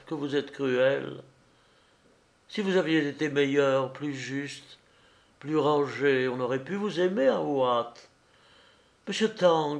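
A man voicing a frightened young mother who pleads in a soft, gentle voice, in a storybook reading. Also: fairly high pitch, creaky, voice pushed up.

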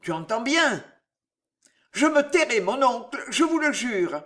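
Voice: medium pitch, very animated, unhurried, fairly bright tone, voice pushed up. A reader voicing a cruel, sinister old miser uncle who mocks and threatens his nephew. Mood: menacing. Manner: mocking, menacing, laughs darkly.

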